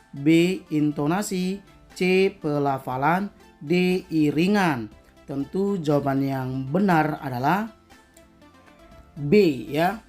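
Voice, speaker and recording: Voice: mid-range voice, darkish tone. A teacher reading out quiz questions and answer choices one by one, then explaining each answer, often tagging "ya" after it. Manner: slow, deliberate reading of answer options, tag "ya" after answers.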